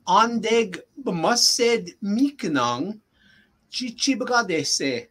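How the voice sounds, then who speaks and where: A man teaching a language in a relaxed, unhurried way, with a voice that rises and falls a lot. He says each phrase slowly and repeats it patiently so his student can follow. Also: high-pitched. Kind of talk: casual language lesson.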